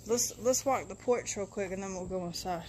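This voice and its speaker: An urban explorer vlogger walks through an abandoned wooden house, indoors and on the porch, narrating casually with a handheld camera. Chatty and thinking aloud, she swears freely as she looks around. Her mid-range voice is fairly quick, over a noisy background.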